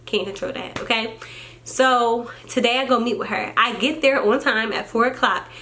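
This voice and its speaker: A young woman vlogging casually, telling a story in an animated, exasperated way and acting out what people said. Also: a little high, moderate pace.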